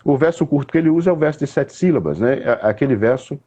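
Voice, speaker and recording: Um homem com sotaque brasileiro explicando poesia numa conversa informal, em tom didático e sem pressa. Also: male voice, medium pitch, expressive, warm tone, lo-fi sound. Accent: Brazilian. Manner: didactic, unhurried, with frequent restarts and "né?" tags. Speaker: poet explaining literature. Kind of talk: casual conversation.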